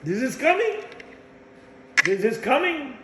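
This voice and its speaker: This man in his sixties, a self-proclaimed messiah, preaches a wandering religious monologue, his high voice swinging widely in pitch. He speaks slowly and insistently, hammering phrases through repetition, in an echoey, bare-room sound with a noisy background.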